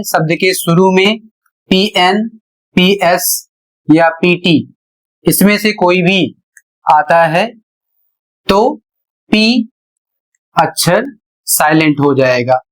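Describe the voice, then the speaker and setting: Slow, deliberate male teacher. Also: high-pitched, a bit bright. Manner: spells words out letter by letter, deliberate. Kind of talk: pronunciation lesson.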